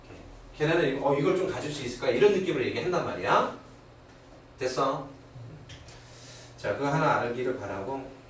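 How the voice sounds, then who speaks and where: A man's voice: mid-range voice, fairly quick, pauses often. A middle-aged man teaching English grammar in a classroom lecture, constantly checking in with his students. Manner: animated, keeps asking "그지?" and "오케이?". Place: academy classroom. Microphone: far camera. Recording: very echoey old classroom recording from far off, faint hiss.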